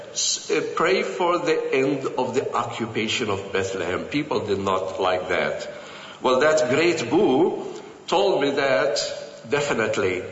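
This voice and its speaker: A man's voice: medium pitch, a little hiss or hum. Man from Jerusalem telling stories in an echoey hall. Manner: earnest, lively, with frequent fillers and quoted dialogue. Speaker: speaker recounting personal experiences. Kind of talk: personal storytelling talk. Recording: echoey hall, dull lo-fi sound.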